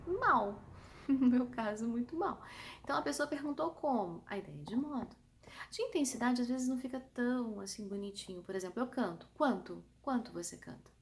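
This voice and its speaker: A woman with a São Paulo countryside Brazilian accent teaching an online grammar lesson, lively and emphatic, often checking with her students. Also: a little high, fairly quick. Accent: São Paulo countryside Brazilian Portuguese. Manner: lively, emphatic, asks the class checking questions. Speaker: Portuguese teacher.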